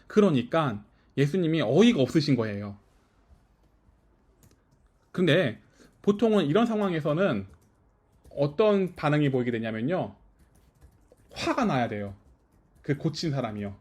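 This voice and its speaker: A male pastor with a slightly raised voice that swings widely up and down as he preaches. He talks in a loose back-and-forth with a small house-church gathering, often pausing to ask whether they follow. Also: on the high side, expressive, a little mellow, husky. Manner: keeps checking with listeners, asking if they follow. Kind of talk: conversational sermon.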